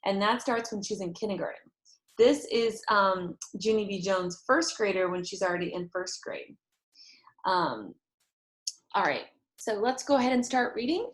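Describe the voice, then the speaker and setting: A teacher reads a chapter book aloud to young pupils, pausing to explain things in simple words. Her voice is medium-pitched and a little bright, and the recording is rough.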